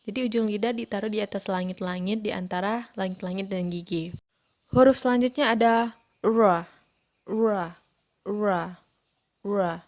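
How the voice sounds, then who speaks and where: A young adult woman giving a phonetics lesson, patiently repeating each sound slowly. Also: medium pitch. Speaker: teacher.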